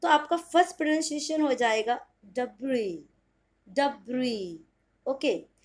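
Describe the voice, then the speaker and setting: A woman with an Indian accent teaching English pronunciation in Hindi, spelling words out letter by letter, repeating them and asking if it is clear. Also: high voice, animated, slow. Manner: checks understanding with "clear?".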